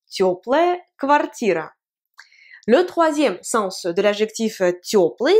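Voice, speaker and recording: A woman with Russian as her first language, teaching a lesson in French and repeating example words slowly and carefully. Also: a little high, darkish tone.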